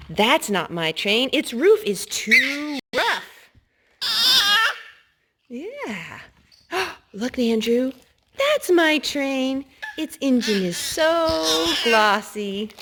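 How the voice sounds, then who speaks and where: With a high-pitched voice and a faint hiss or hum on the recording, a woman reads picture books to little ones in an animated style. She stresses key words and invites responses with questions.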